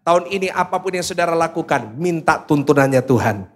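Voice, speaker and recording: A man preaching to a congregation as their pastor, lively and animated, acting out quoted voices and asking questions of the hall. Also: fairly high pitch, brisk. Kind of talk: sermon.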